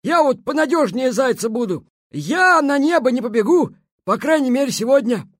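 A woman's voice: sits high, animated, normal speed, no echo, studio quality. Woman voicing a sly, taunting beaver. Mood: scheming. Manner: sneering, loud and taunting. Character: sly, cold-hearted male beaver with a chipped tooth.

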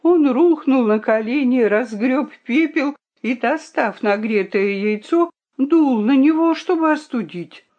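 Woman, storybook audiobook narrator, expressive, melodic, slow, lively pitch. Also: highs cut off.

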